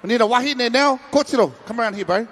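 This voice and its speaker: A man's voice: very high-pitched, quick pace, fairly bright tone, in a large hall. A man with a Māori New Zealand accent hosting a live stage event, playful and informal as he calls out to the audience. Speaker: festival stage host.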